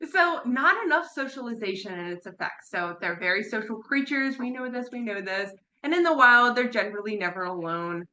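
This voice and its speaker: A woman's voice: on the high side, lively intonation, moderate pace, sharp tone. A woman who is a parrot behavior consultant, giving a chatty online lecture from a room at home with her birds, repeating words for emphasis and laughing now and then. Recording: echoey room.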